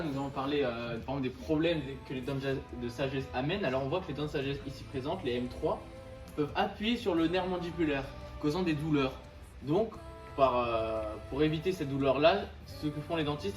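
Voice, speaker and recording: A young man giving an informal explanatory presentation, halting and restarting his sentences. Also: mid-range voice. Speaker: student presenter. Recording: echoey, distant mic, music behind.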